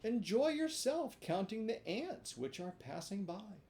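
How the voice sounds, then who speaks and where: A gentle, unhurried snail lady, as a storybook reader puts her on, calm and peaceful no matter how urgent things get. Her voice sits a little above the reader's own, mellow and rounded. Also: medium pitch, pitched above the performer's own voice. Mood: patient. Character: calm, unhurried female snail at a fairy's house. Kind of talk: storybook reading.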